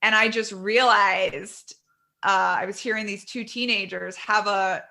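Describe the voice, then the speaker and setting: A woman in her thirties speaks candidly in an interview, her voice bright and forceful. She tells her story quickly and with animation, often restarting her sentences. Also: mid-range voice, steady tone, gravelly. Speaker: guest author. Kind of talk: conversational interview.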